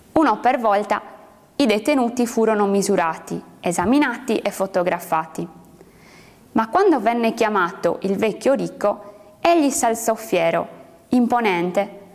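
A woman narrating a literary story aloud in a measured, expressive reading. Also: mid-range voice. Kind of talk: audiobook reading of literary fiction. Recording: long hall reverb.

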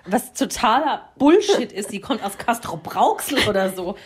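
A woman's voice: mid-range voice, very animated, moderate pace, a little hiss or hum. A young woman co-hosting a casual podcast, reading quotes and adding dry sarcastic remarks. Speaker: podcast co-host.

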